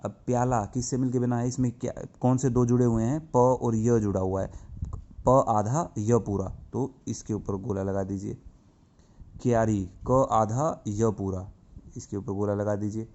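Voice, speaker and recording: A man teaching a grammar lesson to young pupils. He explains slowly and step by step, asking questions and answering them himself. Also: fairly low pitch, steady tone, mellow. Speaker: school teacher. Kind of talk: classroom lesson. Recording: dull lo-fi recording.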